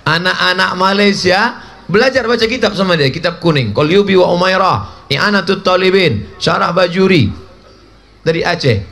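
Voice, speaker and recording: A man's voice: high voice, fairly bright tone. A man in his forties giving a humorous sermon as a preacher, joking and acting out little dialogues. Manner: jokey, acts out dialogues with shifting voices.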